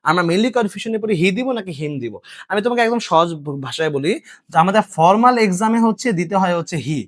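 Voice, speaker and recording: A man teaching an exam-prep grammar lesson, casual and addressing students directly, quizzing them and answering his own questions. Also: high voice. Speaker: English teacher.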